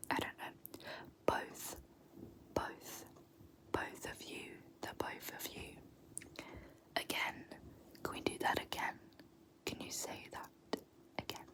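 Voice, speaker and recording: An ASMR creator from Britain, young and female, works through word pronunciations in a gentle whisper. She repeats them slowly and laughs a little now and then.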